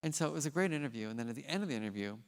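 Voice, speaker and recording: A man and scientist giving a keynote on a large theater stage, telling stories in an animated, casual way. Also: mid-range voice, racing, creaky, clean tone. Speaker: keynote speaker. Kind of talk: conference keynote with storytelling. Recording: long hall reverb in a theater.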